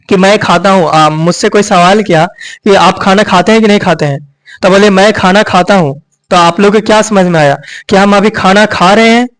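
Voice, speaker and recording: A coaching teacher explains grammar in a high, light male voice with a lilt. He keeps tossing questions at his students and answering them himself, and peppers almost every point with a quick check for understanding. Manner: repeats "ठीक है" and "यही ना" often, checking students understand. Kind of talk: grammar lesson.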